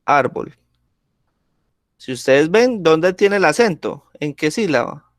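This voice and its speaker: A male teacher talks very slowly and patiently, with a slightly raised pitch. He keeps checking in with the class. The sound is dry and close, like a video call. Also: animated, no echo. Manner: slow, patient, checks in with frequent "¿sí?". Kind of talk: classroom grammar lesson.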